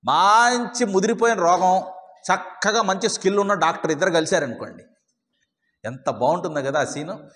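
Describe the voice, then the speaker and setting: A man with a high-pitched voice gives a devotional discourse. He teaches through stories and rhetorical questions. A long reverb from a hall trails his words. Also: moderate pace, fairly bright tone. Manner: storytelling with acted dialogue and rhetorical questions. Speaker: spiritual teacher.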